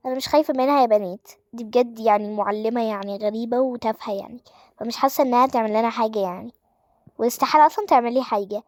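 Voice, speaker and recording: A woman playing a boastful, snooty schoolgirl with an Egyptian accent, brushing everyone off with scorn in a voiced game role-play story. The voice is high and rapid, with a dry close sound. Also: dry recording, close to an everyday voice. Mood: scornful. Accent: Egyptian Arabic. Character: arrogant, dismissive schoolgirl.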